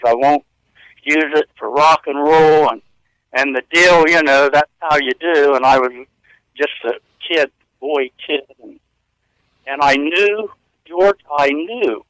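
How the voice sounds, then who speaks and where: A man's voice: fairly high pitch, fairly bright tone, smooth, dry recording, low-quality recording. A man in his fifties telling stories as a radio interview guest, earnest and rambling with frequent chuckles. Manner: earnest, rambling storyteller who chuckles often. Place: hotel room.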